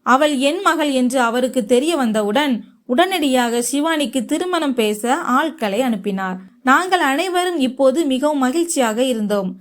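A woman narrating a first-person family story in a steady read-aloud manner. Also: high-pitched, moderate pace.

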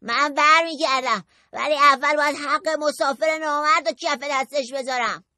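A woman's voice: mid-range voice, gravelly, dry recording, clean studio sound. A woman voicing a dreamy, stubborn ten-year-old boy in an audiobook, in an earnest, childlike way. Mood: determined. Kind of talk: audiobook character voice.

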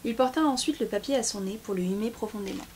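A woman's voice: fairly high pitch, fast talker, a little hiss or hum. Woman reading a novel aloud. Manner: steady reading with small slips. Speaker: book YouTuber.

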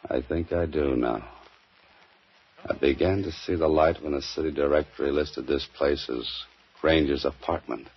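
Through a muffled 1940s radio broadcast, an actor voices a cool, dry-witted male mystery writer who does some sleuthing, 1940s radio drama style. His voice is a rumbling low with a breathy edge, moderately paced and fully in character. The mood is wry and the delivery dry and wisecracking.

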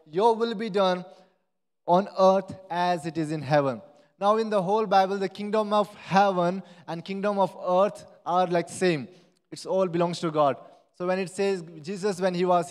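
A man's voice: high-pitched, clean tone. A man with an Indian English accent, a pastor leading prayer and preaching in an earnest, repetitive way. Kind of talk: sermon with prayer. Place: church hall. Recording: church hall with long reverb.

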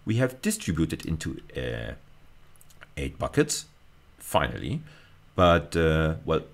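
Slow and sing-song, this middle-aged man's rumbling, gravelly low voice carries a recorded lecture meant to explain. As a university lecturer, he proceeds step by step and keeps repeating key phrases to drive them home.

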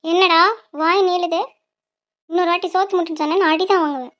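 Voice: extremely high pitch, steady tone, fast talker, highs cut off. A voice actor playing a cheeky young college woman in a cartoon, bickering and sassy.

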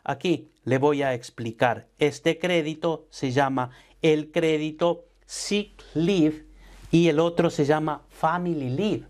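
A middle-aged man who works as a tax advisor and business coach talks to camera from his brick-walled home studio office, wearing a lapel mic at his desk. His voice is on the high side with a darkish tone, and he speaks slowly and emphatically in Spanish peppered with English terms, using formal "usted" with the viewer.

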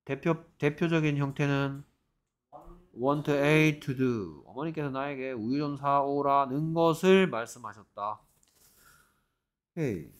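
A man teaching English grammar to middle school students, who reads example sentences slowly and breaks into mock-exasperated scolding asides. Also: mid-range voice, smooth. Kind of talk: grammar lecture.

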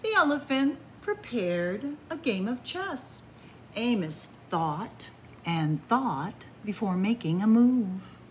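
A woman reading a picture book aloud expressively, with deliberate phrasing and dramatic pauses. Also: medium pitch, big pitch swings, a little hiss or hum. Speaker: librarian reading picture books aloud to children. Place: indoors in a library room with bookshelves.

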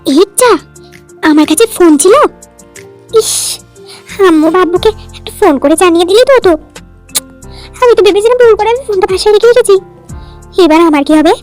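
A woman's voice: very high voice, animated, fairly quick, long pauses, darkish tone, faint music behind. A woman voicing a flustered, panicky young woman who whines and frets in a storybook tale. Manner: panicky, whiny.

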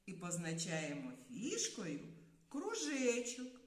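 Slow sing-songy preschool teacher lady, really echoey room. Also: mid-range voice, huge pitch swings. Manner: sing-song, drawn-out words with long pauses. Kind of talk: slow, clear lesson for small children.

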